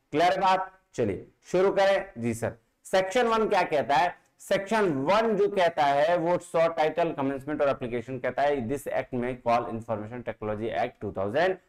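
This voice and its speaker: A man with an Indian accent teaching a law exam lesson, slowly reading English passages and asking and answering his own questions. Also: fairly high pitch, low-quality recording. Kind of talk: lecture mixing Hindi and English, reading law text slowly.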